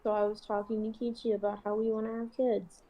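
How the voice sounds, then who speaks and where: A woman's voice: mid-range voice, flat delivery, quick pace, muffled recording. A woman playing a tabletop game over voice chat, chatting in a giggly, gushing way. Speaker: player.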